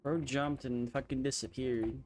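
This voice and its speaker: A man's voice: mid-range voice, steady tone, moderate pace, a little mellow, a little hiss or hum. A man hosting a game stream, bantering with friends, laughing and swearing freely. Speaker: streamer host. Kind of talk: casual gaming chat.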